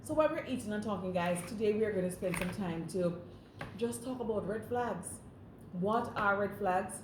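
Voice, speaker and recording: A woman co-hosting a casual chat, addressing viewers directly and animatedly. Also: mid-range voice. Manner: animated, talks to viewers as guys. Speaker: co-host. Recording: echoey room, faint noise.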